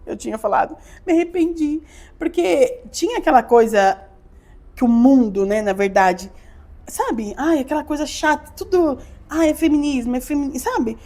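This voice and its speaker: High-voiced woman telling her faith story. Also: moderate pace. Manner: animated storyteller, acts out her own quotes. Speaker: podcast guest. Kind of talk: emotional testimony.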